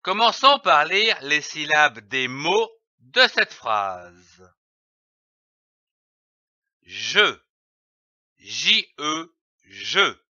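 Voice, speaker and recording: Male reading teacher, high and lively, spelling syllables out at a crawl; dull, dry lo-fi sound. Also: no room sound. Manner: deliberate, spells out each syllable letter by letter. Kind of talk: slow instructional reading drill.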